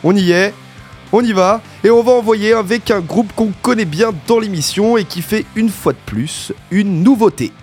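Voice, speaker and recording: A man with a hoarse, worn-out, raspy voice, chatting casually as the host of a music radio show. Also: high-pitched, normal speed, darkish tone. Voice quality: very husky, raspy. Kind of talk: casual chat.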